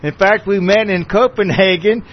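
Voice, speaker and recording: A man's voice: high-pitched, moderate pace, slight background noise. A man hosting a casual radio interview, rambling with restarts. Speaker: radio host. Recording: dull lo-fi radio recording.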